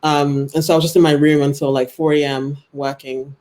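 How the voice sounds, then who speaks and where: A woman's voice: deep voice, level tone, a little fast, a little mellow. A young woman, a guest author, chatting casually on a video call and talking hesitantly with lots of "um" and "like". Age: young adult. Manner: hesitant, many fillers like um and like.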